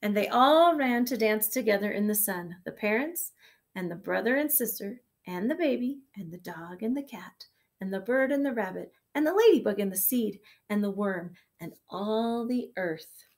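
A woman kindergarten teacher reading a picture book aloud to her class, gentle and expressive, sometimes dropping to a soft whisper. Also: mid-range voice, normal speed. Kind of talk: storybook read-aloud for children.

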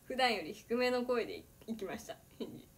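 A woman's voice: on the high side, very animated, a little fast. Giggly teenage girl chatting on a livestream. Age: teens. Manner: giggly, chatty, laughs often between sentences. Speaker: idol livestreamer. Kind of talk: casual livestream chat.

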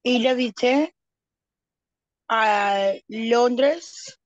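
A woman student in an online class who reads sentences aloud carefully and haltingly. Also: fairly high pitch, lively intonation, no room sound, highs cut off.

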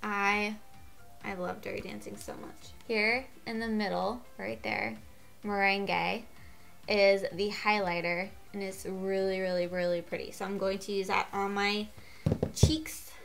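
A woman's voice: medium pitch, little pitch movement, a little slow, creaky, fairly bright tone, faint music behind. A congested woman with a cold giving a chatty makeup tutorial, gushing and getting out of breath. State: gets out of breath. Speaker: beauty vlogger.

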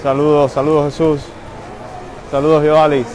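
A livestream host walks viewers through a busy shopping mall, greeting them by name, filming on a handheld phone. His slightly high voice is flat and at normal speed, and the rough phone stream is swamped by loud crowd and mall noise.

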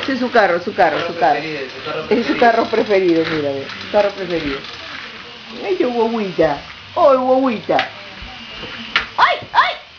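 A woman's voice: mid-range voice, big pitch swings, fairly quick, heavy background noise. Cooing woman in a muffled home video. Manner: sing-song, cooing and exclaiming. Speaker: relative caring for a baby. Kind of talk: baby talk at home. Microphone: camcorder.

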